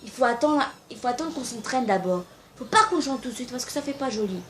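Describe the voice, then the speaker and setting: A woman's voice: on the high side, expressive, quick pace, fairly bright tone, a little hiss or hum. A young woman talking casually to camera and giving amateur singing tips, informal and a little hesitant, with frequent fillers.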